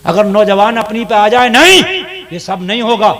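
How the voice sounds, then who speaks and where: A male Islamic preacher, delivering a fiery sermon to a crowd, swinging from soft asides to shouted appeals. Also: high voice, steady tone, fairly quick.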